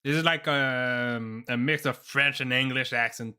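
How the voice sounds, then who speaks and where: A man streaming a game and chatting casually over it, musing aloud and circling back on his points. His voice is bright and sits at a middle pitch. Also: steady tone, measured pace, clean tone. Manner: rambling, musing aloud with many "like"s. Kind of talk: casual live commentary.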